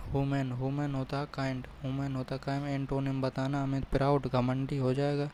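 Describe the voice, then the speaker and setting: A male tutor solves test questions aloud in a flat, dark, mellow voice, talking slowly and repeating each choice to himself. Faint traffic hums behind him. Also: medium pitch, rough recording. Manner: thinks aloud, repeats options, reads English questions slowly. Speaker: exam prep tutor. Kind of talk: solving a mock test aloud.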